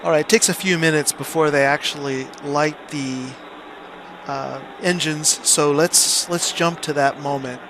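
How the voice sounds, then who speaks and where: A middle-aged man giving a casual explanatory lesson, presenting like a teacher and halting now and then as he thinks aloud. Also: fairly high pitch, steady tone, background noise. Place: small indoor room.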